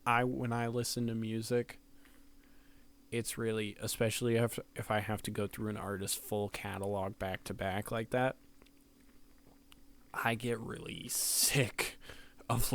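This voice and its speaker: A man's voice: lowish voice, a bit bright. A man casually reviewing rap albums, sleepy and yawning late at night, rambling with many ums on a close mic. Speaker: music reviewer. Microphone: close mic that can peak.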